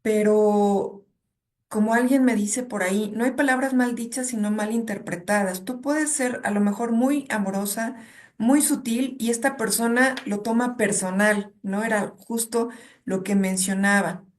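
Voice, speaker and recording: A woman speaks a little higher than most. She answers questions reflectively, tells personal anecdotes and often checks in with a soft '¿no?'. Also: fairly even intonation, unhurried. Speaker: guest speaker and academic advisor. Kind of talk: conversational talk with personal anecdotes.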